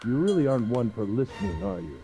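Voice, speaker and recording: A woman's voice: a bass voice, big pitch swings, fast talker, music in the background, pitched below the performer's own voice, poor audio. A woman voicing a smug, cruel middle-aged man villain in a pompous, mocking way while reading a visual novel aloud.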